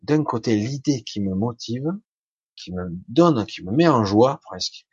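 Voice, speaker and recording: A man's voice: mid-range voice, lively intonation, a little slow, slightly rough, dry recording, dull audio. A man giving an informal motivational talk straight to the listener, colloquial and blunt, with mild swearing.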